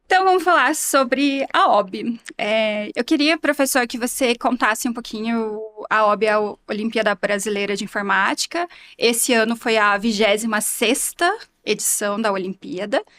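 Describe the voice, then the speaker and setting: A woman's voice: on the high side, moderate pace, fairly bright tone. Friendly young woman hosting a podcast. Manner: friendly, upbeat, clearly structured introductions. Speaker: podcast host.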